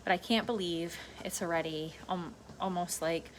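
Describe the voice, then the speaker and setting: A woman's voice: on the low side, moderate pace, low-quality recording. A middle-aged woman chatting casually to her audience as a solo vlogger, informal and meandering, often repeating herself. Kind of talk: casual rambling solo vlog chat. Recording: clear steady background noise.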